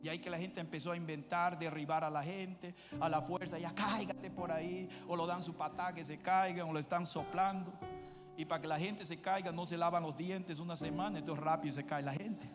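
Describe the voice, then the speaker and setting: A male pastor preaching a sermon, moving from quiet asides to shouted climaxes. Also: a little high, steady tone, brisk. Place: church. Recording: long church reverb with music behind.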